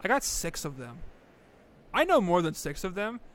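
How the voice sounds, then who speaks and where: A man's voice: high voice, sing-song, moderate pace, a bit bright. A man co-hosting a podcast, telling self-mocking stories in casual comedic chat, stammering and laughing as he goes. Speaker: podcast co-host.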